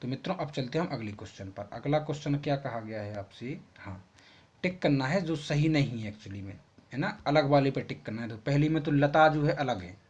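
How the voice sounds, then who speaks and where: A man's voice: mid-range voice, lively intonation, a little fast, darkish tone. A man teaching schoolchildren, patiently working through textbook answers and checking in with them often. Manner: patient, repeats phrases and checks with "ठीक है". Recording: muffled, slightly husky lo-fi recording.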